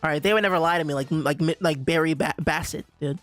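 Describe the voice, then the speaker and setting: A young man from Bermuda streaming, ranting in an animated, casual way with lots of laughter. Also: on the high side, fast talker, no room sound, faint music behind. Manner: animated ranting, laughs often, says "dude" a lot. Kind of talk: casual livestream chat.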